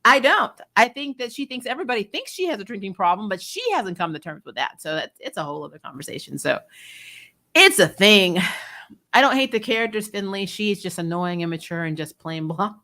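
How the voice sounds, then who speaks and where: On her TV show review channel, a woman delivers casual, opinionated episode commentary, speaking frankly and emphatically with a little mild swearing. Her medium-pitched voice is brisk, bright and forceful, with lively intonation.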